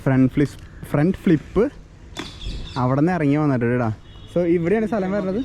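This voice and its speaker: A man with a Kerala accent chatting excitedly as a vlogger, mixing English slang into his Malayalam. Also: fairly high pitch, brisk, slight background noise. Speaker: vlogger, host. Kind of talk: excited casual outdoor vlog chat. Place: outdoor skate park.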